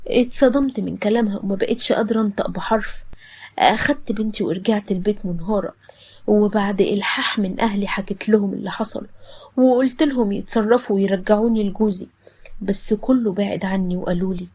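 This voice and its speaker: A woman's voice: mid-range voice, brisk, darkish tone, husky. Woman, Egyptian accent, scripted story narration, dramatic, emotional. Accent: Egyptian Arabic.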